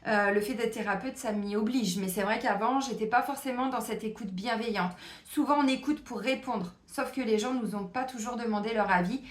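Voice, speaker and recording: A woman's voice: a little high, a little fast, echoey room. A woman doing a casual weekly card reading, a therapist who chats directly to her viewers with many fillers. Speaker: tarot card reader and therapist.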